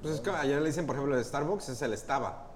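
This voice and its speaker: A man's voice: fairly high pitch, racing, slight background noise. Mexican man guest in an echoey room. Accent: Mexican Spanish. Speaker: podcast guest. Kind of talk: casual chat, storytelling.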